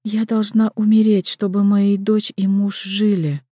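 A woman's voice: mid-range voice, flat delivery, unhurried, dark tone, no room sound, clean studio sound, natural voice. A woman voicing a young mother in labor, strained and urgent, speaking through clenched teeth.

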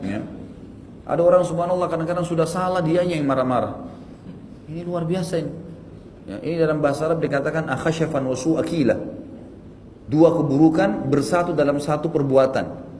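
A man teaching an Islamic study class in a lively, emphatic manner, his voice climbing high when he scolds. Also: a little fast, long pauses, long reverb tail, slight background noise. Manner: animated, emphatic, rising pitch on rebukes. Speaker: religious teacher.

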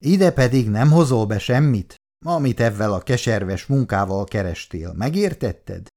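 An elderly housewife in a 1960s radio play, stubborn but dreamy, voice leaps up high when she insists. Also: lively intonation, mellow, full character voice. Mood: insistent. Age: older. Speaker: Mrs. Szabó. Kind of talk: 1960s radio drama acting.

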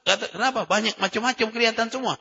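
A man preaching a sermon in a casual, emphatic way, his voice jumping up in loud bursts between calmer explanations. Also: sits high, racing, gravelly. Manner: emphatic, conversational preaching with sudden loud rises. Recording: lo-fi echoey hall recording.

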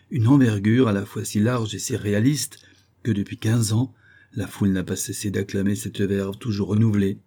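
A man narrating a classic novel as an audiobook, with a measured literary reading. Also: lowish voice, dark tone, husky. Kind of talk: scripted narration.

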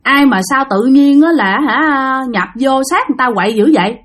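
A woman's voice: sits high, animated, normal speed, fairly bright tone. A woman doing a timid pleading aunt. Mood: questioning. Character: frightened woman in her late forties, the girl's aunt, pleading.

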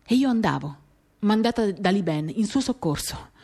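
A woman with a medium-pitched, expressive, slightly mellow voice reads a literary monologue at a moderate pace for radio theatre. Taken from a novel, it comes in short phrases, confiding, dramatic and intimate, with acoustic guitar music behind.

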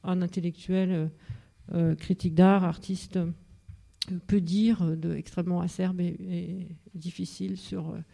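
Middle-aged woman speaker, mellow voice, halting with lots of fillers, literary talk in a library. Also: fairly low pitch, level tone, gravelly. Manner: hesitant, many fillers and restarts. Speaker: author and teacher speaking at a literary evening. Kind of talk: informal literary talk with readings. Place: library event room.

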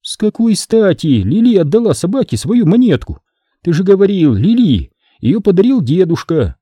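A man putting on a brisk storybook mother. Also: high-pitched, very animated, warm tone, breathy edge, dry recording, studio quality, voice pushed up, full character voice. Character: practical mother, firm but kindly.

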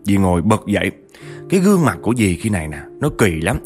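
Guy telling a ghost story, low voice, super animated, soft music behind. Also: fast talker. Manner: lively, addresses listeners directly.

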